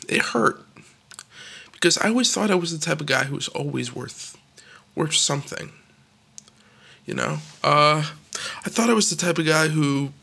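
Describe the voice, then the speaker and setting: Raspy, gravelly-voiced man rambling absurdly. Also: fairly high pitch, bright, forceful tone. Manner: absurd, self-deprecating, drops into whispers. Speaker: comedic podcast host. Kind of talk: rambling deadpan comedic monologue.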